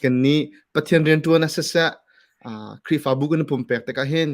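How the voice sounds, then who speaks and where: A man gives a relaxed church ministry talk, dropping English terms into his sentences. His voice sits a little higher than most men's. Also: brisk. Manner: relaxed, mixes English words into speech.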